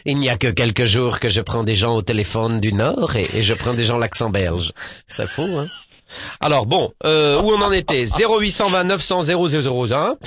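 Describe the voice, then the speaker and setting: A man hosting a live web radio talk show, jokey and relaxed, reading out numbers and chat messages. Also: mid-range voice, normal speed, dry recording, studio quality. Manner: jokey, reads out jokes and phone numbers.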